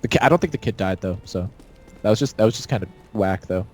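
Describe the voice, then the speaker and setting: A man's voice: fairly low pitch, lively intonation, quick pace, a little mellow, soft background music. Jokey young man with a bouncy voice. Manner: jokey, laughs often, crude humor. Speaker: co-host. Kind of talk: casual chat while gaming.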